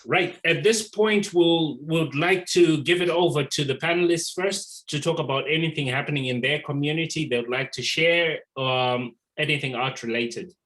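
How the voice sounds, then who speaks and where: A man's voice: a little high, normal speed, hardly any pauses, fairly bright tone, rough recording. A man hosting an online art talk, giving casual announcements on a video call with many ums and restarts.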